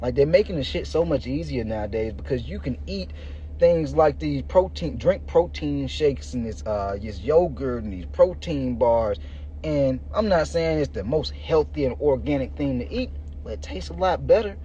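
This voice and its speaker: Here a podcast host and fitness coach in his thirties sounds animated and warm, his medium-pitched voice at a moderate pace. He gives an informal, colloquial motivational talk straight to his audience. The lo-fi recording is muffled and noisy.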